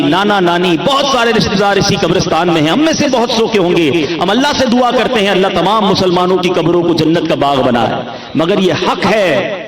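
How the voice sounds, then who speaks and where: A man's voice: high voice, roomy sound, poor audio. A man from Karachi preaching a sermon to a gathering, dramatic, acting out dialogue and asking rhetorical questions. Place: gathering near a graveyard.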